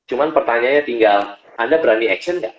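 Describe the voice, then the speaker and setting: A man, a business coach, telling stories lively in an interview and acting out the voices of the people he quotes. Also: medium pitch, brisk. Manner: animated storyteller, acts out quoted voices. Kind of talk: storytelling interview talk. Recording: echoey, dull-sounding room.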